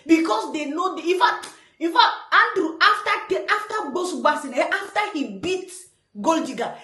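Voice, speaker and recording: A Nigerian woman comments on a clip in a playful, teasing way and keeps breaking into laughter. Her voice sits very high and jumps around a lot. The room gives her voice a noticeable echo. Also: a bit bright. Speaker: online commentator. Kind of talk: reaction commentary. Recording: roomy echo.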